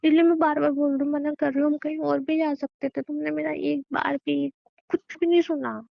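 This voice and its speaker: Scared young wife played by a woman, anxious and pleading, high creaky voice, dull lo-fi sound. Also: flat delivery, a little fast. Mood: upset. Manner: anxious, pleading, softly insistent. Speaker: wife in a phone-call drama. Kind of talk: scripted audio drama.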